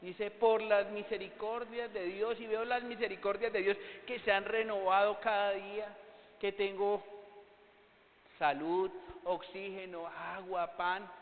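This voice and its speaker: A man preaching a sermon as pastor, putting rhetorical questions to the congregation. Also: high voice. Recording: tinny phone-like sound in a long-reverb hall.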